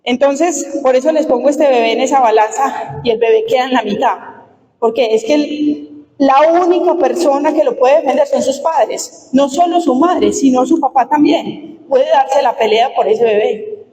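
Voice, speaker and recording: A woman's voice: sits high, normal speed, warm tone. A Colombian woman, a lawyer and lecturer, giving a lecture to a live audience and asking them questions with emphasis. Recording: distant roomy hall recording.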